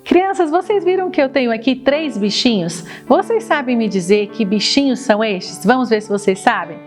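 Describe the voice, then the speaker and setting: A woman's voice: fairly high pitch, expressive, moderate pace, soft background music. A Brazilian woman teaching a children's Bible story, talking in simple sing-song questions and diminutives as if reading to a toddler. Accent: Brazilian Portuguese.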